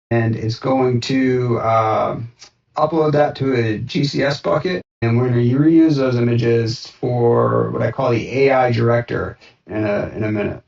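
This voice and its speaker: Guy doing a casual screen demo, gravelly voice, kinda far from the mic, dull roomy sound. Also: medium pitch. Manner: relaxed, thinks aloud with frequent "uh" and restarts. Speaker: software developer demoing his app. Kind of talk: casual screen-share walkthrough.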